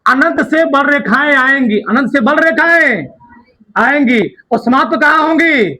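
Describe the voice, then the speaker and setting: A man teaching a class in a strikingly high voice with a sharp, bright edge. He dictates notes word by word, repeating key terms, and keeps quizzing his students to check they follow. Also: unhurried, rough recording.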